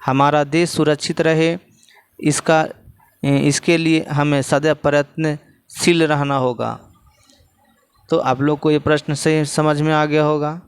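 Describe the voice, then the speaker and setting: A man's voice: on the high side, little pitch movement, slow pace, clear, resonant tone. A male teacher with a Bihari Hindi accent explains textbook answers to students, often repeating phrases as he points to the page.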